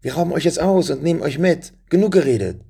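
A man voicing two rough, bumbling forest robbers in a children's storybook reading, hissing threats and blustering. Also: on the high side, lively intonation, quick pace, voice pushed up, full character voice. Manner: hissing menace, then blustering and shouting.

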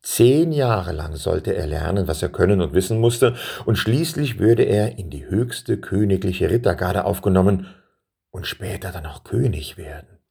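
A man reading a children's story aloud in a calm manner and turning to address his young listeners. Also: lowish voice, creaky, slightly rough.

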